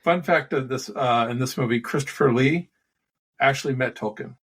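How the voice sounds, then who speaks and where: A man's voice: medium pitch, normal speed, fairly bright tone, husky. A man co-hosting a movie review podcast, musing and raising questions in casual chat. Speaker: podcast co-host.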